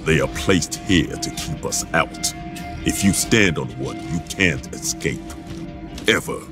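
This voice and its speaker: An actor playing an ominous, commanding male demon overlord in a video game, his voice disguised and pitched far down, speaking in slow, measured, menacing pronouncements. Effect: disguised, pitched-down deep demonic voice. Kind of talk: video game cutscene voice acting. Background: game music.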